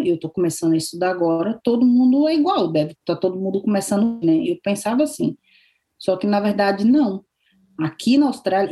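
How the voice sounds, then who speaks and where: A Brazilian woman chatting casually as a guest, telling an animated story and acting out the lines of the people in it. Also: medium pitch. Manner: animated storyteller who acts out quoted dialogue. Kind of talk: casual chat.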